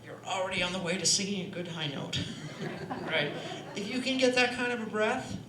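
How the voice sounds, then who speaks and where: This woman, a singer and vocal coach, demonstrates breathing during a panel in a performance hall, keeping it chatty with many "right?" checks. She speaks at a moderate pace in a mid-range voice, with echo and steady background noise.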